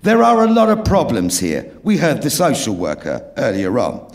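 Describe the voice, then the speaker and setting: A man's voice: medium pitch, wildly swooping pitch, normal speed. A man giving impassioned public testimony at a hearing, punchy and playing with words.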